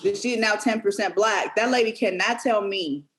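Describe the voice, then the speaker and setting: Woman, podcast co-host, curious, probing, animated questions, mid-range voice. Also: medium pitch, normal speed. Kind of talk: casual discussion.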